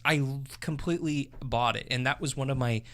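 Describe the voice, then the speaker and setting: A young man co-hosting a casual movie review podcast, excitable and profane, swinging between loud bursts and softer asides. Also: medium pitch, normal speed. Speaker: podcast co-host.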